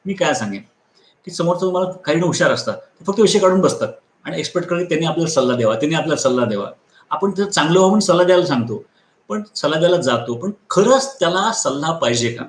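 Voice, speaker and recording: A motivational speaker and trainer delivers a live lecture in a rather high, rapid-fire voice, with the room giving off an echo. He's an animated storyteller who acts out the people he quotes, and he repeats key lines for emphasis.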